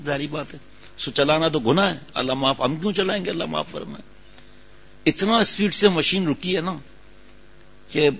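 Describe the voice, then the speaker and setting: A man's voice: on the high side, husky. A man preaching a sermon, telling a story and then urging his listeners on with growing emphasis. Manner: storytelling, rising to emphatic exhortation. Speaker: religious preacher. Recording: dull lo-fi sound.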